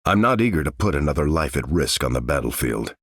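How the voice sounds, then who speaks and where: An actor with an American accent playing a noble, steadfast veteran super-soldier in a video game, speaking with earnest, measured authority. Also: male voice, a bass voice, very animated, no room sound, clean studio sound, heavily acted. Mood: steady, earnest. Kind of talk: video game character voice lines.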